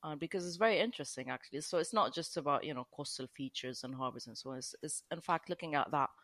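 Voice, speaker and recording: A woman's voice: deep voice, fast talker, a bit bright, no echo. A woman from Lebanon, a guest on a podcast, explaining at length with frequent restarts and "you know". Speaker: guest archaeologist. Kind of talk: podcast conversation.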